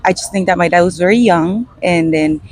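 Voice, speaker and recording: A woman from Guatemala, interviewed outdoors in front of a restaurant, answering in a halting, hesitant way with many pauses and fillers. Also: on the low side, a little mellow, no echo, poor audio. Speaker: interview guest. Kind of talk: unscripted street interview.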